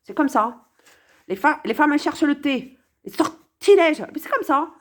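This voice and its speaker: Woman riffing on song lyrics, high voice that jumps all over, mocking and chatty. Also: expressive, normal speed. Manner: sarcastic, playful, talks to the viewer. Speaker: commentator on a song. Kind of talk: casual spoken commentary.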